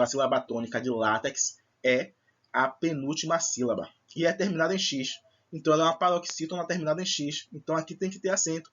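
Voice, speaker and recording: A man's voice: medium pitch, husky, highs cut off. A man teaching a recorded lesson, explaining step by step in a patient way and checking that his students follow. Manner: patient, explanatory, checks understanding with "certo?" and "tá bom?".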